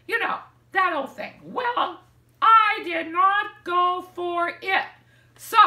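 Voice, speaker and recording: Older woman, very high bright voice, animated storyteller, roomy living room sound. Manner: animated, acts out quoted lines with hand gestures. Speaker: vlogger sharing dating advice. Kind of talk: casual storytelling to camera. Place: living room, seated in armchair indoors. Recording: echoey room.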